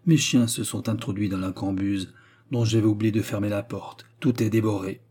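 A man's voice: fairly low pitch, fairly even intonation, moderate pace, mellow, husky. A man voicing an earnest, lovesick young baronet in a read-aloud classic story, speaking in a pleading, heartfelt way. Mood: grave.

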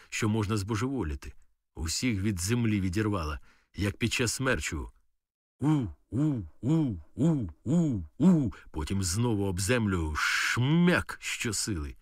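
A man narrating an audiobook in a steady, matter-of-fact storytelling manner. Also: lowish voice, dry recording, studio quality, distant mic. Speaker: audiobook reader. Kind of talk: audiobook narration of a war novel.

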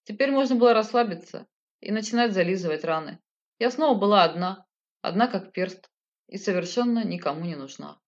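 A woman's voice: mid-range voice, animated, brisk, dull audio. A woman narrating a first-person audiobook in an emotional, bitter manner. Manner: emotional, bitter, sobbing at times.

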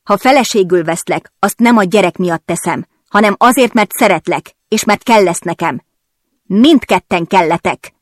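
A woman's voice: mid-range voice, no echo, natural voice. A woman reading an audiobook, voicing a hot-tempered young male racing driver who speaks bluntly and with stubborn resolve, recorded close and dry. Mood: determined. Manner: bitter, blunt, determined.

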